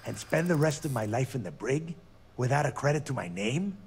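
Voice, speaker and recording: A gravelly, scheming pirate captain. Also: male voice, mid-range voice, big pitch swings, brisk, slight background noise. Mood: wry. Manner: sneering, taunting, with hushed asides. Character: cunning male space pirate captain, scheming and bitter. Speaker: game character. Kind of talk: video game voice acting.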